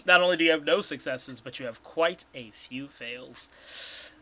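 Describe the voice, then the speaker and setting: A man's voice: mid-range voice, a little slow, sharp tone, a little hiss or hum, poor audio. A man casually narrating a tabletop game as its game master.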